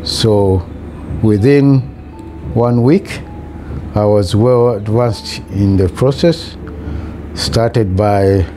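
A middle-aged man from Kenya with a Kenyan accent, giving a personal account in a halting, hesitant way with long pauses. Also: lowish voice, dark tone. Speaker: patient giving a testimonial. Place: small hospital room, in bed. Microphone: lapel mic. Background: music.

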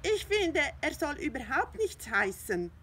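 A woman voicing a grumpy, jealous little male cat who talks in a sulky, whiny, loud way, reading a storybook aloud. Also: sits high, big pitch swings, measured pace, a little hiss or hum, voice pushed up, full character voice.

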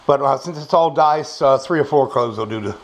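Talking a little fast in a medium-pitched voice, a toothless man demonstrates home cooking in a casual, folksy way, murmuring as he savors the food. He's indoors in a small home kitchen, and the noisy audio is full of frying sizzle and clicks.

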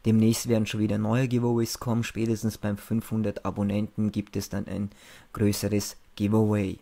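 A man's voice: fairly low pitch, gravelly, dark tone. A young man narrating a screencast in a casual, informal and matter-of-fact way, as the host of a video channel.

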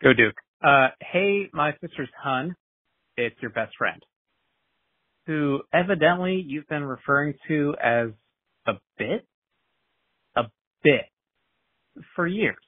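A man's voice: fairly high pitch, expressive, slow, pauses often, no echo. A man leaving a joking, teasing voicemail for a podcast, played back over a phone line. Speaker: voicemail caller. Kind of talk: casual phone message.

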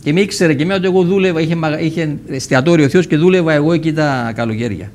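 A man's voice: fairly high pitch, darkish tone, slight background noise. Older man telling a story. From Cyprus. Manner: vivid storyteller who acts out quoted dialogue, with frequent restarts. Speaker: guest. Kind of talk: personal storytelling in a TV interview.

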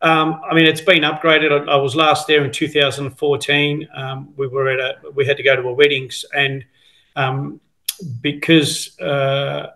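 An Italian-born former footballer in his fifties, appearing as a guest, rambles through stories of his football days on a casual video-call interview from a room at home. His voice is a little high, gravelly and sharp, with a flat, measured delivery full of fillers and restarts. The laptop-camera audio is low quality.

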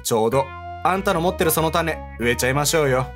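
A man's voice: a little high, fast, a bit bright, soft background music, lightly acted. A man reading out the lines of a blunt, sassy woman guide in a game, in haughty feminine speech. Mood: explaining.

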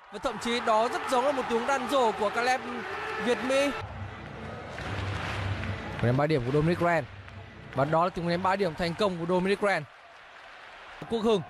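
A man giving live play-by-play commentary on a basketball game, calling out players and scores one after another. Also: sits high. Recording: commentary over loud arena noise.

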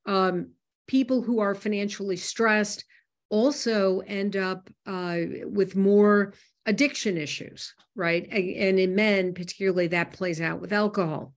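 A woman's voice: mid-range voice, steady tone, unhurried. Chatty woman with many fillers. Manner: conversational with frequent fillers and restarts. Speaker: host. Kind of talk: webinar talk on personal finance.

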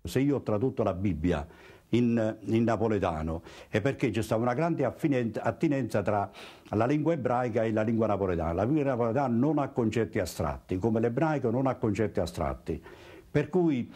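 Older man, husky Neapolitan accent. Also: fairly low pitch, expressive, brisk, mellow. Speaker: priest and Bible translator. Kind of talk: interview answers. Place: indoor room, seated interview.

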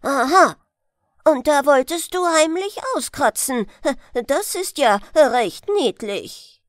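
A woman voicing a grumpy old grandfather hare who scolds loudly in a bedtime storybook. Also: fairly high pitch, very animated, takes it slowly, no room sound, studio quality, exaggerated voice. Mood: amused. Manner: stern, loud scolding grumble.

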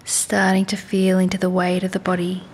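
Leaving long silences between instructions, a woman who teaches meditation and yoga leads a body scan in a soothing, unhurried, calm way. Faint low rumbling can be heard behind her.

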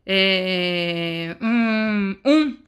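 A woman with a Brazilian Portuguese accent giving excitable let's-play commentary, full of dramatic exclamations and asides to her viewers. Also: medium pitch, extremely slow. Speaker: gaming video creator.

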